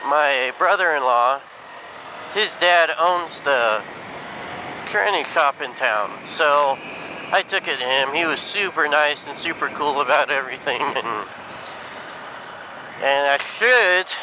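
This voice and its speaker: A man talking casually and haltingly inside a helmet while riding a motorcycle, thinking aloud like a vlogger. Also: on the high side. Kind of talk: casual rambling motovlog talk. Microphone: mic inside helmet. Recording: helmet mic, clear road and engine noise.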